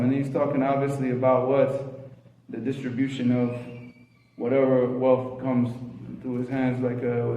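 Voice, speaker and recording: A man teaching a religious lesson informally, switching between English and Arabic as he reads, explains and puts questions to his listeners. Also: medium pitch. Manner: repeats phrases and questions listeners rhetorically. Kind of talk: informal lecture reading and explaining a religious text. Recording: roomy echo, thin phone-like sound.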